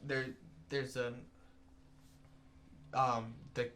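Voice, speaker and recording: A man's voice: mid-range voice, flat delivery, drawn-out words. Hesitant man running a tabletop game. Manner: hesitant, full of fillers. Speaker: game master. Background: loud background music.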